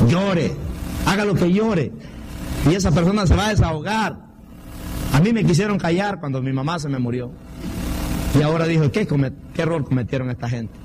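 Fervent preacher man, noisy room. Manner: fervent preaching, rising to high emphatic peaks. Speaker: pastor. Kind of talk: sermon.

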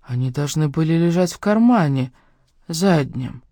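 Woman reader as a weak, hushed young patient; faint half-whispers, dry sound. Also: sits low, lively intonation, a little slow, no echo. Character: weak young man in a hospital bed. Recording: dry close studio sound.

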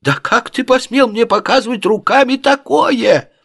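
A man voicing an indignant middle-aged male camel driver in a storybook reading, with shrill, wailing outrage. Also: moderate pace, gravelly, a bit bright, slightly rough, heavily acted. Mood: outraged.

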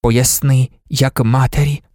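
A woman's voice: very deep voice, steady tone, slow, warm tone, no room sound, studio quality. A woman voicing an anxious, doting mother who frets and pleads with her daughter. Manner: fretful, pleading. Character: anxious, doting older mother, a professor's wife.

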